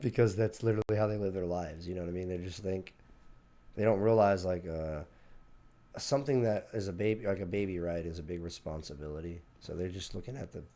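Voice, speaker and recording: A man's voice: sits low, a little fast, warm tone. A man co-hosting a podcast in casual chat, joking and full of fillers. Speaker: podcast co-host.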